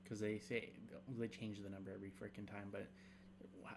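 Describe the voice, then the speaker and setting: With a lowish voice, little pitch movement and some vocal fry, this young co-host chats over a faint background hiss or hum. His talk is loose and halting, packed with fillers and restarts, and at times he reads from a script.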